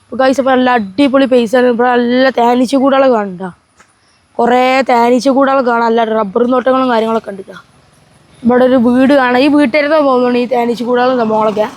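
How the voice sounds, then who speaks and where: A woman with a very high voice talks casually to her viewers like a travel vlogger. She has a Kerala Malayali accent and drops English words into her Malayalam. Her manner is enthusiastic, with pet phrases that come round again and again. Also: fairly even intonation, fast talker, darkish tone, slight background noise. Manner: repeats enthusiastic filler phrases, addressing viewers. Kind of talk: casual vlog chat to viewers.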